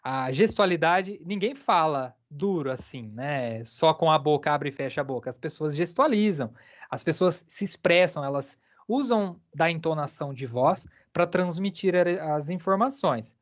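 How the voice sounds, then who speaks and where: An interpreter voicing a deaf lecturer live, speaking haltingly with many filler pauses. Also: medium pitch, lo-fi sound.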